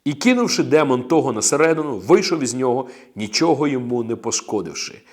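A man's voice: mid-range voice, lively intonation, fast talker. A man preaching a sermon as a pastor, emphatic and declaring, breaking in with amens and praises.

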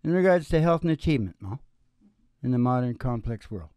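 With a dark, smooth, mid-range voice and lively intonation, a man in his sixties talks a little fast while hosting a show from a small curtained indoor stage. He's a musician whose laid-back, folksy banter wanders into trailing asides. The recording is dry, made on a close stand mic, with live acoustic guitar picking behind him.

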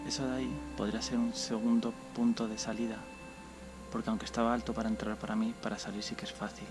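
A young man with a Spain Spanish accent, narrating as he carefully explores an abandoned building, often talking low and cautiously. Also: little pitch movement, fast, music in the background. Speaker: urban explorer vlogger. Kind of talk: casual vlog narration. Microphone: action camera.

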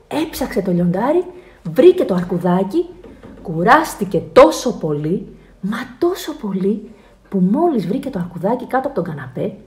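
A woman reads a children's bedtime story aloud, her voice pitched somewhat high. Her delivery is lively and expressive, swinging widely up and down in pitch. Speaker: children's book reader and translator. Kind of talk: reading a children's picture book aloud.

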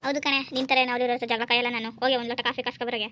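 A woman doing a gruff mocking father-in-law. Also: a little high, little pitch movement, very fast, noisy background, natural voice. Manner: gruff, mocking bickering with his wife. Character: grumbling middle-aged father-in-law, man.

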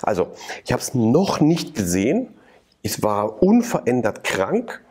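A man's voice: mid-range voice, huge pitch swings, unhurried, darkish tone, husky. A man telling his faith testimony in an interview, earnest and preaching, with many repeated phrases. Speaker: interview guest.

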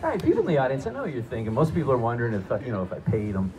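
A man's voice: mid-range voice, huge pitch swings, very fast. A man hosting a live stage hypnosis show, giving short, repetitive, directive commands and showman patter to participants and audience. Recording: noisy, muffled live stage recording.

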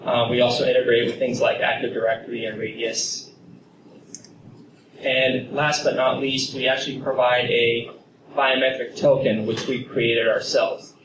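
A man's voice: mid-range voice, little pitch movement, moderate pace. A young man giving a confident tech presentation with a handheld microphone in an office meeting room. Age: young adult. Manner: confident, explanatory, casual fillers. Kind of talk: conference talk with demo. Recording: roomy, distant camera audio with noise.

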